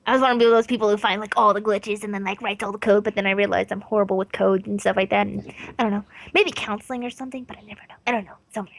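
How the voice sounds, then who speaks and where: A woman's voice: medium pitch, fairly even intonation, very fast, creaky. A young woman in her twenties, a streamer being interviewed, chatting casually in a bubbly, giggly way and swearing freely. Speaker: guest streamer.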